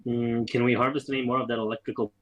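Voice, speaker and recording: A man's voice: mid-range voice, level tone, quick pace, a crowd in the background, poor audio. A man chatting casually as a player in a tabletop fantasy game.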